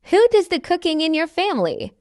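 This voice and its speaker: A woman reading a friendly learner's part in a scripted practice dialogue for English learners, speaking slowly and carefully enunciating each line. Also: very high-pitched, very animated, darkish tone, no echo, studio quality. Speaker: dialogue reader.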